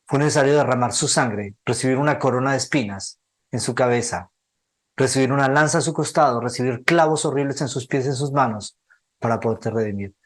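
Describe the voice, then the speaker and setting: Earnest man telling a moving story. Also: medium pitch. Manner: earnest, emotional, slows for emphasis. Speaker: theology teacher. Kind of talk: sermon-like seminar storytelling.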